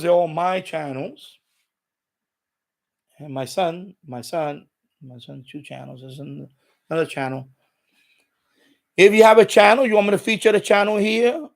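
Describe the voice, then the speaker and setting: A middle-aged man with a high, creaky voice hosts a live stream, chatting casually and unscripted, rambling and repeating himself as he explains.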